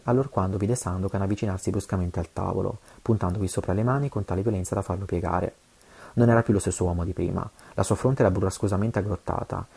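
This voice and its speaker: A man's voice: low voice, gravelly, warm tone, breathy edge. A man reading an adventure novel aloud, with occasional stumbles and self-corrections. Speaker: audiobook reader.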